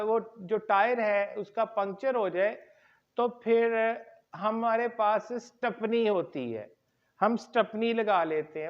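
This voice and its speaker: A man's voice: high voice, muffled recording. A man teaching English pronunciation in a classroom lecture, repeating each word and putting questions to his learners. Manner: explains slowly, repeats words, asks the class questions.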